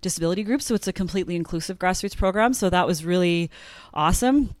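A Canadian woman in her thirties, with a lowish voice and quick pace, speaks animatedly as a guest in a conversational interview. She laughs often and uses many fillers, and the studio-quality audio has no echo.

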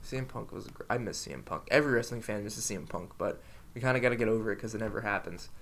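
A man's voice: on the low side, fast, vocal fry, a bit bright. A young man co-hosting a podcast in casual chat, talking in an enthusiastic, rambling way. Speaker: podcast co-host.

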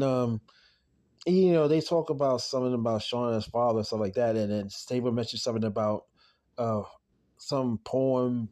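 A man casually recapping a TV episode on his podcast, rambling with lots of "I mean" and "though", and talking quietly about his late father. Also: mid-range voice.

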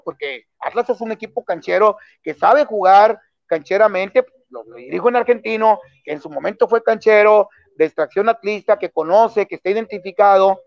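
A man argues football on a podcast in a fairly high voice, pressing the same question again and again and cutting the others off. The sound is dry and a little dull, as if the mic sits close in a small, muffled room. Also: vocal fry, no echo. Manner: insistent, repeats questions, interrupts. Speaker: sports talk show co-host. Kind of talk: heated casual debate.

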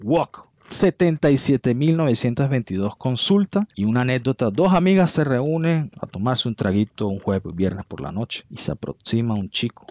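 A man hosts a word-of-the-week segment, his pitch swinging widely as he quizzes his listeners in a playful, chatty way. His delivery is relaxed, and he stretches out and spells the words of the week. The recording is dry and close, with no room sound. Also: moderate pace, dry recording. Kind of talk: lively casual commentary.

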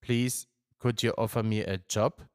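A man's voice: on the low side, fairly even intonation, unhurried, smooth, no room sound, studio quality, close to an everyday voice. A man voicing a grateful young female refugee who speaks English, polite and hopeful.

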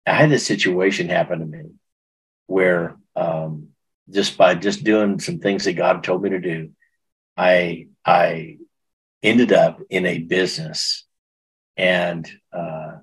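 A middle-aged man with a very low, heavily husky voice tells his story in an interview. He speaks earnestly and with feeling, circling back and restarting phrases as he goes. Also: steady tone, takes it slowly, rough recording. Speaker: guest. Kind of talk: personal testimony in conversation.

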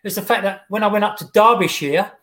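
High-voiced jokey English man. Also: a bit bright. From England. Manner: jokey storyteller, laughs often, halting restarts. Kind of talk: casual podcast chat.

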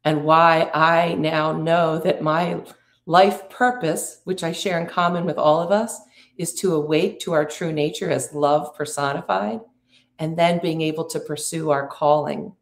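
A middle-aged woman hosting an inspirational talk, speaking in slow, drawn-out, reflective phrases and inviting the listener to breathe. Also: low-pitched, fairly even intonation, echoey room. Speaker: podcast host and spiritual coach.

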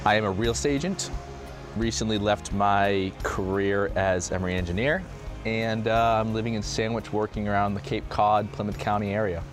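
A man in his twenties answering interview questions casually, halting often with fillers. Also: fairly low pitch, fairly even intonation, music in the background. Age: 20s.

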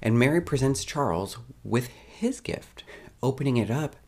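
A man's voice: mid-range voice, animated, normal speed, darkish tone. A man retelling a TV episode in a chatty, casual recap style.

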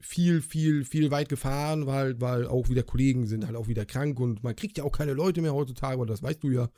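Mellow-voiced man chatting casually. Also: medium pitch, fairly quick, no echo, clean studio sound. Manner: relaxed, colloquial, repeats words. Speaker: podcast co-host, service technician. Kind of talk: casual chat.

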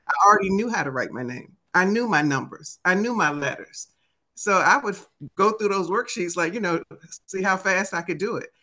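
A woman's voice: mid-range voice, expressive, brisk, sharp tone. A woman in her fifties with a Washington DC accent, telling personal stories conversationally as an interview guest and voicing remembered dialogue. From United States, Washington DC area. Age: 50s. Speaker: interview guest, author and motivational speaker. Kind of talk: animated conversational storytelling.

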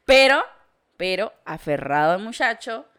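A woman's voice: medium pitch, unhurried, a bit bright, clear, resonant tone. A young Mexican woman co-hosting a podcast, speaking frankly with salty slang and laughing through her stories. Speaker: podcast co-host. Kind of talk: casual chat.

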